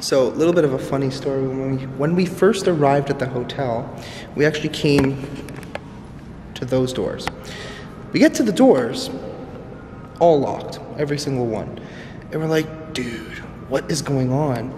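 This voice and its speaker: A man's voice: mid-range voice, lively intonation, normal speed, pauses often, warm tone. A man in his thirties hosting an informal on-location vlog, chatting to the camera and prone to laughing. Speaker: vlog host. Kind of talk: casual on-location vlog chat. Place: large empty hotel lobby, indoors. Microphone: handheld camera at arm's length. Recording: echoey, reverberant lobby with clear background noise.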